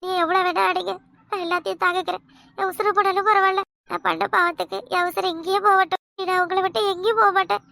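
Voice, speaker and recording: A woman voicing a pleading young village wife with a Kanyakumari Tamil accent, begging softly in a cartoon comedy. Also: extremely high pitch, level tone, fast talker, vocal fry, no echo, studio quality, heavily acted. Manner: begging, tearful, soft-spoken.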